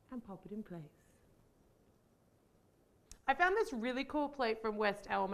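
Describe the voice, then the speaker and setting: A woman hosting a baking channel, giving bubbly, chatty step-by-step instructions in her kitchen. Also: a little high. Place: home kitchen.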